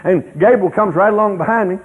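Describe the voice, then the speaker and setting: A middle-aged man tells a folksy story to an audience in a rambling, animated drawl. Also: high voice, quick pace, breathy edge. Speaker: speaker telling a story to an audience. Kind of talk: folksy anecdote telling. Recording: tinny radio broadcast.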